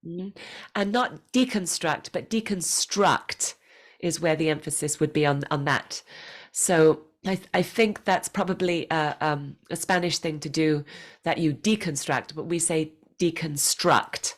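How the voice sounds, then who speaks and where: A woman coaching English pronunciation over a video call, patient and encouraging, modelling phrases slowly. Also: low-pitched. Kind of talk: one-on-one online pronunciation lesson.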